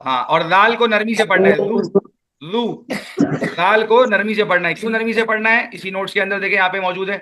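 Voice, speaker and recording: A man teaching Quran recitation in an online class, with a Pakistani Urdu accent, patiently repeating sounds slowly for students to echo. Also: high-pitched, bright, forceful tone.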